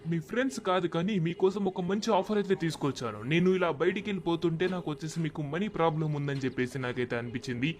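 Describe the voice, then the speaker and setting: A man voicing a persuasive recruiter pitching an offer in a game dub. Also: rapid-fire, few pauses, a little hiss or hum, natural voice. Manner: persuasive, salesman-like. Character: smooth-talking male recruiter with an offer.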